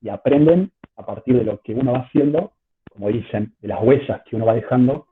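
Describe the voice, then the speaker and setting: The university statistics lecturer, who has an Argentine Spanish accent, talks a little fast in a breathy, mid-range voice. His informal online explanation is hesitant and full of repeated phrasing, coming through choppy call audio with faint noise and clicks.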